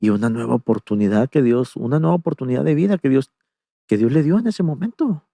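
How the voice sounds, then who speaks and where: A male interviewer with a mellow, darker voice asks reflective follow-up questions. He keeps the guest going with soft "ujú" sounds. The recording is dry and close. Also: medium pitch, lively intonation, quick pace, gravelly, no echo. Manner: encouraging, with soft "ujú" backchannels.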